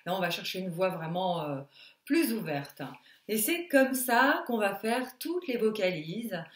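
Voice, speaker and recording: A woman teaching a singing lesson, coaching breathing and relaxation in a slow, calm way and demonstrating sung sounds. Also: medium pitch. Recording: echoey room.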